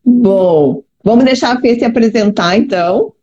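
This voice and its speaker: A woman's voice: on the high side, normal speed, faint music behind. A woman co-hosting a live chat, enthusiastic and chatty. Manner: warm, enthusiastic, says "tá?" and "né?" a lot. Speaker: co-host. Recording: dull lo-fi stream audio.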